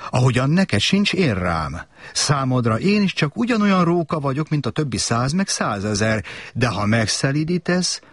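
A man voicing a wise, wistful and lonely fox in a storybook reading, with a gentle, pleading tone. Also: medium pitch, no echo, pitched above the performer's own voice. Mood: earnest.

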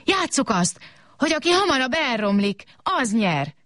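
A woman's voice: high voice, very animated, a bit bright, no room sound, studio quality, pitched above the performer's own voice. Woman doing a whiny little robot. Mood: eager. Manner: whining, insistent. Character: small whiny boy robot, impatient.

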